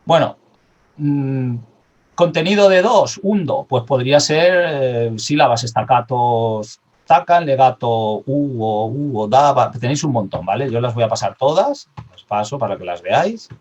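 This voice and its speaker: A man's voice: medium pitch, animated, unhurried, darkish tone, dull audio. A man giving a lecture on conducting, explaining step by step with frequent fillers and restarts and singing syllables as examples.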